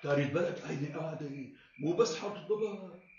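A man's voice: on the high side, fast, darkish tone, a little hiss or hum, close to an everyday voice. An actor playing a deferential middle-aged henchman in a Syrian period drama, explaining earnestly with a Damascene accent. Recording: muffled, echoey room.

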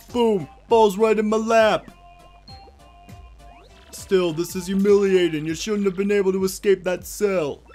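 Man putting on a theatrical, menacing cartoon villain, loud and raised. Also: high-pitched, pitched above the performer's own voice. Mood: gloating. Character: boastful cartoon villain, gloating, scheming, theatrical. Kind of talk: acted video game dialogue voice-over.

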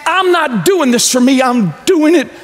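A pastor in his forties preaching a sermon on a large church stage, pacing as he talks and swinging from loud to low. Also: expressive, unhurried. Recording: echoey church hall.

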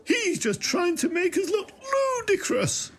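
A woman's voice: very high voice, very animated, unhurried, heavily acted. A woman voicing a prim, easily offended lady in an amateur rehearsal. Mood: indignant. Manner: prim, indignant.

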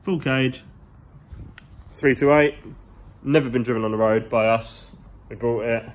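Holding his phone at arm's length, a man in his twenties vlogs while strolling through a big indoor garage workshop. He's a chatty, rambling car vlogger who uses slang, and his mid-range voice is steady and a bit slow.

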